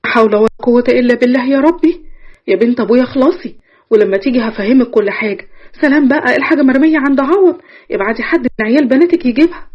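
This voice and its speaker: A woman voicing a nosy, impatient older aunt playing matchmaker, talking briskly and bossily with an Egyptian accent. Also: sits high, dull audio. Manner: brisk, bossy and rapid-fire.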